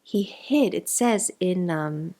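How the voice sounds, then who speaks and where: A woman's voice: on the low side, expressive, takes it slowly, mellow. A woman with a South African accent giving an informal Torah class, chatty and digressive, mixing in Hebrew terms. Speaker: Torah teacher.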